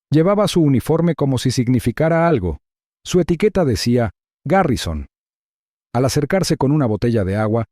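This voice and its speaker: A man giving measured, suspenseful scripted narration of a thriller story. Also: mid-range voice, mellow, dry recording, clean studio sound.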